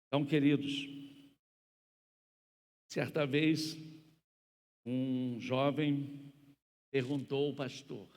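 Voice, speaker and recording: Male pastor, sermon, slow deliberate delivery, mid-pitched voice, long church reverb. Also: fairly even intonation. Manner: preaching with slow emphatic pauses, rising to shouts. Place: church sanctuary.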